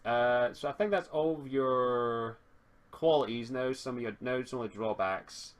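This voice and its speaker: A medium-pitched man plays game master, casually explaining the rules of a tabletop game and haltingly reading items from a rulebook.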